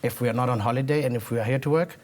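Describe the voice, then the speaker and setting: Man, medium-pitched contestant. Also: rapid-fire, a little hiss or hum. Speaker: talent show contestant. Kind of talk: explaining himself to judges.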